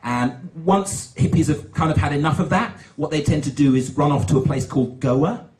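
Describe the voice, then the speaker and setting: Higher-voiced man doing stand-up in an echoey room. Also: normal speed, darkish tone. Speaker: stand-up performance poet. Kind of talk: stand-up patter and rhythmic spoken-word comedy. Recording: roomy echo, music behind.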